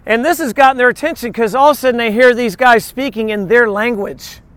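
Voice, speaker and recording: This male preacher has a very high voice and talks fairly quickly, with no room sound. He teaches in an informal, conversational sermon, sharing personal stories and acting out little quotes in an animated way.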